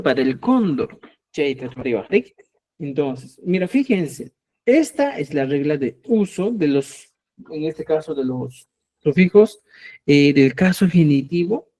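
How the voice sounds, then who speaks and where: A man teaching a live language class. He explains patiently, says example words slowly and checks often that the students follow. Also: fairly high pitch, dark tone.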